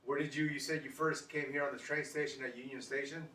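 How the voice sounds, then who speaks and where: A man interviewing casually, asking informal questions with halting follow-ups. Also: medium pitch, little pitch movement, sharp tone, recorded from a distance. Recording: roomy, off-mic, faint background noise.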